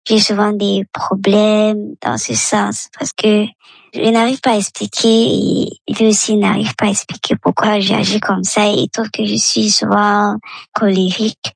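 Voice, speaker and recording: A woman's voice: medium pitch, level tone, unhurried, creaky, slightly rough, no echo, rough recording. A woman, leaving a recorded voice message through a voice changer that disguises her voice, explaining her feelings candidly. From Cameroon. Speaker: listener calling in.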